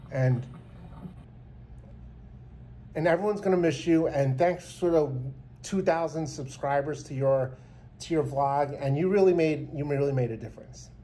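A male vlogger in his fifties gives a sincere, rambling tribute to camera with many restarts, recorded on a phone held close in a small indoor room. His slightly high, warm voice moves at normal speed over a faint hiss.

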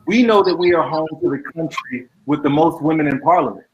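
A man with a fairly high voice moderates a panel over a video call. He reads his prepared remarks in a formal, measured way. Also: highs cut off, a little hiss or hum.

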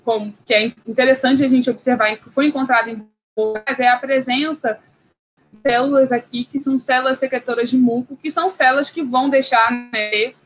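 Brazilian woman, academic lecture, slightly high voice, hesitant with restarts, faint background hiss. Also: steady tone, fairly quick, rough recording. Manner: hesitant, many fillers and restarts. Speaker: biology researcher giving a lecture.

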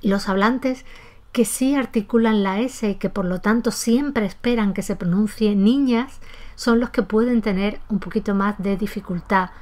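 A woman teaches a pronunciation lesson in a calm, methodical way. She says example words aloud to show the sounds, and she aspirates the final S in her own speech. Her voice sits at a middle pitch. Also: a little slow. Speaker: language teacher. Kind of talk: explanatory lesson.

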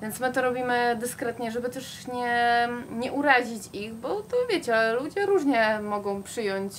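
A woman's voice: a little high, a little slow, a little hiss or hum. A young woman travel vlogger answering viewer questions in casual chat, hesitating often with fillers. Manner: chatty, hesitant with many fillers.

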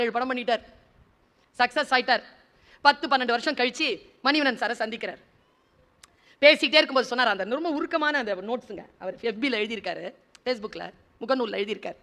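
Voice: medium pitch, bright, forceful tone. A motivational speaker, telling a moving story with earnest feeling. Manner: earnest, emotional retelling with acted quotes.

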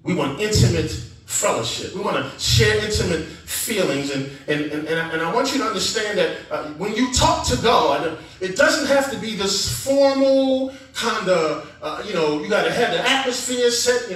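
A man preaching a sermon as guest preacher, animated and calling out to the congregation for responses. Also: high voice, normal speed, few pauses. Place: church sanctuary. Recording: echoey church sound from a distance.

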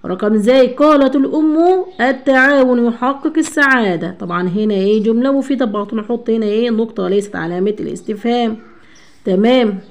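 A woman teacher with an Egyptian Arabic accent giving a children's grammar lesson, asking questions and answering them herself, slowing down to spell words out. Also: fairly high pitch.

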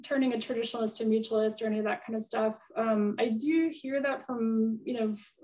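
A woman with a fairly high voice answers audience questions as a guest speaker in a conversational Q&A. She speaks briskly in a steady, mellow tone, thoughtful and hedging with plenty of fillers, and sounds distant.

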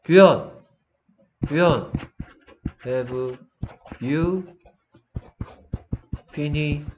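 A male English teacher giving an online grammar lesson, his voice a little strained from shouting, who breaks into exaggerated student exchanges. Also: fairly high pitch, very slow, a little hiss or hum. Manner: animated, acts out student exchanges in a raised voice.

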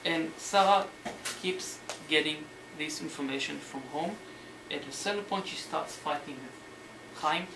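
A man lecturing on history as a story, animated and sometimes searching for words, acting out the quotes. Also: fairly high pitch, a little slow, few pauses. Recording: roomy hall, mic at a distance, faint noise.

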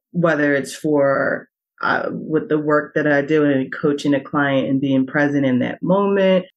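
A woman who works as a coach, a guest on a podcast, speaking in a reflective, halting way with restarts. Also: low-pitched, rough recording. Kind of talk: casual podcast conversation.

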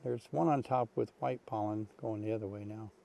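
His voice low and dark with vocal fry, a man in his sixties speaks fairly quickly and steadily while hosting a casual beekeeping vlog beside his hives. He explains in a friendly, easygoing way with fillers, recorded on a lapel mic.

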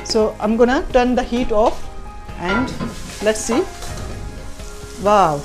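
Brief: middle-aged female cooking show host from Pakistan, easygoing teaching tone, studio kitchen with soft music behind. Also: on the high side, slow pace. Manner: relaxed, instructive, addresses viewers directly. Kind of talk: cooking demonstration.

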